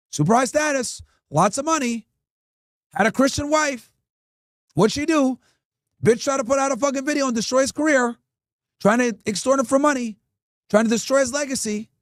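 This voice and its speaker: High-voiced man ranting with profanity. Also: fairly bright tone, no echo, studio quality. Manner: crude, profane, preachy; addresses chat directly. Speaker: podcast host. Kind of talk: ranting commentary.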